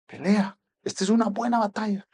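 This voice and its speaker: A male pastor preaching with a notably high voice. He hammers home his points with repeated rhetorical questions. He drops from forceful lines to near-whispered ones. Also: fairly even intonation, brisk, vocal fry, breathy edge. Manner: emphatic, repeats rhetorical questions, swings from loud to hushed. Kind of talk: sermon.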